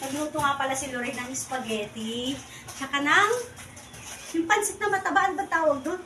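A woman's voice: sits high, normal speed, bright, forceful tone. A woman vlogger in a bubbly, teasing, playful chat, heard on a camera mic some distance away. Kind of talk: playful casual vlog chat. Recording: echoey room, voice from far off, background noise.

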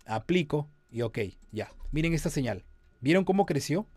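A man's voice: on the high side, lively intonation, moderate pace, darkish tone, dry recording. A man lecturing on audio compression in an online class, explaining step by step and checking that his students follow.

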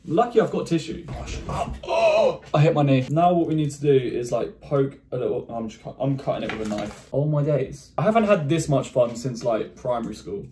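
A young man vlogging in his bedroom as he tries candy, excitable and joking, cursing and exclaiming as he goes. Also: medium pitch, a little fast, hardly any pauses, echoey room, slight background noise. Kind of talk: casual candy-tasting vlog.

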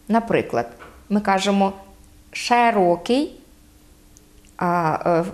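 Woman, Podillia accent, middle pitch, halting explanatory delivery with many fillers, contrasts word pairs slowly. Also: a little mellow. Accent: Podillia Ukrainian. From Podillia, Ukraine. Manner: hesitant, frequent "e" fillers, spells out sounds slowly. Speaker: guest explaining local dialect. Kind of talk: explanatory talk on dialect.

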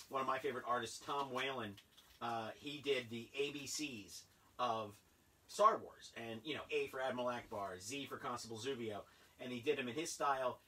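A man in his thirties chatting casually and rambling with excitement as he unboxes old toys in a cluttered basement room. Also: medium pitch, recorded from a distance, slight background noise. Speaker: toy collector vlogger. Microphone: camera a few feet away.

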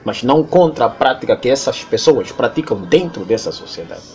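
A man's voice: mid-range voice, big pitch swings, fairly quick, darkish tone, soft background music. A man from Angola with an Angolan Portuguese accent, speaking in an emphatic, lecturing monologue with a lot of repetition. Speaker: interviewee. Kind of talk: impassioned monologue.

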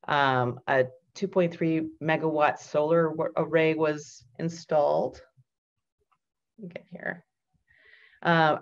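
A woman keynote speaker presenting over slides in a measured, explanatory way, with frequent ums and restarts. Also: sits low. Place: indoors at home on a video call. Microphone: computer mic on a webcam call. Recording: dull lo-fi video call audio.

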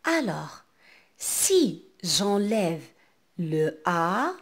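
Woman, North African French accent, reading teacher, very slow, lively pitch, careful enunciation. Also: slightly rough. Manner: slow, carefully enunciated, repeating words for children. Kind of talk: early reading lesson.

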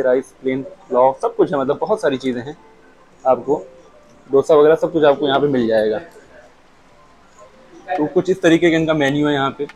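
Recorded on a lapel mic with low quality, a man in his thirties with a mid-range voice and a Lucknow Hindustani accent does a casual food review to camera. This vlogger stays relaxed and chatty, describing every dish as he eats at the restaurant table.

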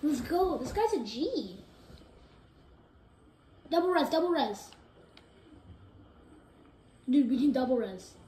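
A woman giving excitable live gameplay commentary, jumping between hyped shouts and low mumbles. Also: takes it slowly, long pauses. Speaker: gaming video creator. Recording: roomy echo with faint noise.

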